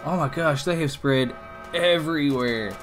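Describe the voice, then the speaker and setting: A man giving casual let's-play commentary, chatting to his game characters and breaking into excited outbursts. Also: on the high side, unhurried. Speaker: gameplay streamer. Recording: faint game music behind.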